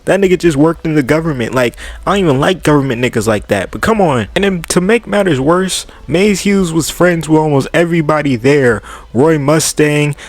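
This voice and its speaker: Slangy, animated young man. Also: a little high, dry recording. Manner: animated, swearing, slangy storytelling. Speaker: anime commentator. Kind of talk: casual commentary.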